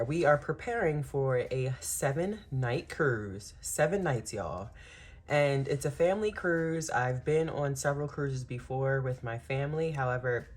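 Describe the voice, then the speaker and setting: A woman hosting a planning vlog, talking casually and openly about her feelings, rambling with lots of "like" and "um" and calling her viewers "y'all". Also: extremely low pitch. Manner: rambling, frequent "like" and "um" fillers; open and personal about feelings. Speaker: planning channel host. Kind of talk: casual confiding vlog chat.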